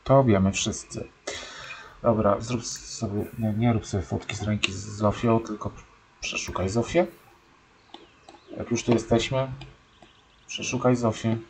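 A man's voice: fairly low pitch, steady tone, measured pace, vocal fry, long pauses, darkish tone, slight background noise. A young man giving casual, sarcastic commentary while playing a life-simulation game, scolding his stubborn horse. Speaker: let's-play gamer.

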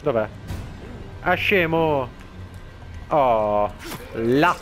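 A man giving casual let's play commentary, talking to the enemies on screen and shouting when startled. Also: medium pitch, extremely slow, faint music behind. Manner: excitable, talks to enemies, shouts in alarm. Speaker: gameplay commentator.

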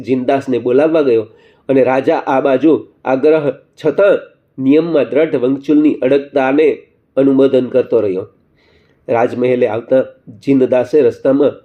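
A man narrating a religious story in a measured, deliberate way. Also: mid-range voice. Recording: slightly muffled recording.

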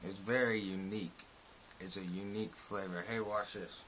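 A young man with a dip in his lower lip, casually rambling through a review from a small shed, recorded on a propped-up phone. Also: steady tone, moderate pace, fairly bright tone, a little hiss or hum, poor audio. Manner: laid-back, repetitive, plain country speech. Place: small open shed, rain outside. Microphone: phone propped on a door.

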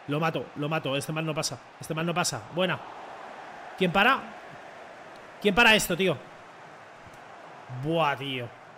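A young man with a Spain Spanish accent, commenting his own football video game in an excitable, mocking way and swearing often. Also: fairly high pitch, measured pace, pauses often, slight background noise. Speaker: gaming content creator. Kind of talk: casual gameplay commentary.

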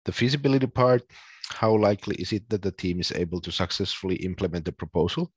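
Low, husky man from Finland, dry close sound, walks through criteria on a call, lots of ums. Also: expressive, no room sound. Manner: explains plainly with frequent ums and pauses. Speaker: presenter. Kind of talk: casual online presentation. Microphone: video call.

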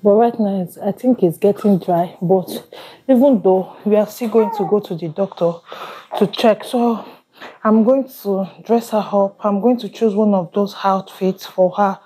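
Recorded roughly at home, this casual vlog features a young mother speaking to the camera in a medium-pitched, slightly slow, dark voice with a breathy edge. Her talk wanders, with restarts and asides in pidgin.

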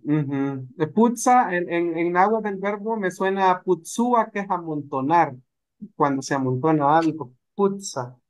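A man teaching a live language lesson, slowing down to spell out example words. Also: a little high, expressive. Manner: explanatory, slows down to spell out words.

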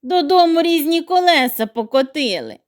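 A woman's voice: high voice, animated, moderate pace, pitched above the performer's own voice. A woman voicing a mocking young male hare in a children's audio tale. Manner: teasing, then sheepish.

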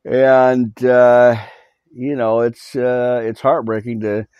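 On his podcast, a man who is a pastor reads scripture and delivers a live prayer update, his speech full of fillers, restarts, and halting moments as he earnestly pleads for listeners to repent; he's recovering from losing his voice. The medium-pitched voice has little pitch movement and a clear, resonant tone, recorded on a cell phone in a small home studio, sounding dry and muffled.

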